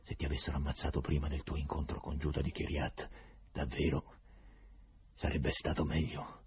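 A man voicing an imperious, tormented Roman procurator who roars furious commands and then mutters bitterly, in a husky voice. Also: extremely low pitch, flat delivery, moderate pace, dry recording, voice pushed down, heavily acted. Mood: bitter, menacing.

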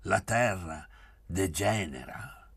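Man playing doubtful country landowner, grumbling, matter-of-fact, husky. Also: sits low, animated, slow pace, a bit bright, dry recording, heavily acted. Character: middle-aged landowner father, practical and doubtful.

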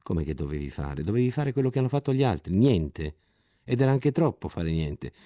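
A man voicing a scornful, furious army lieutenant who shouts insults at a soldier. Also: on the low side, very animated, brisk, no echo, studio quality.

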